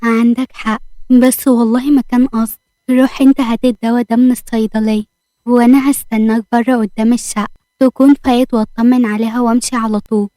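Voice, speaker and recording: A woman voicing a gentle, remorseful young man. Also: a little high, quick pace, dry recording, close to an everyday voice. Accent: Egyptian. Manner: calm, reassuring.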